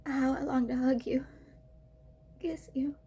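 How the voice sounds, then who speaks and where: A young mother mourns her murdered baby, voiced by a woman rehearsing a monologue. Her high, breathy voice trembles with tears and keeps falling to a whisper. She is raw and anguished. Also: steady tone, a little slow, a little mellow. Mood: grieving. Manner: tearful, sliding into whispers.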